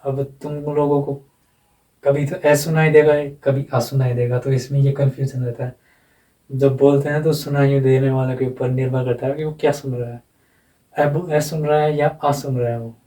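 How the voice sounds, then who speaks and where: A man giving a phonetics lesson, slowly repeating sounds and words while he explains. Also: mid-range voice, flat delivery, dark tone, recorded from a distance, low-quality recording. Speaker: teacher.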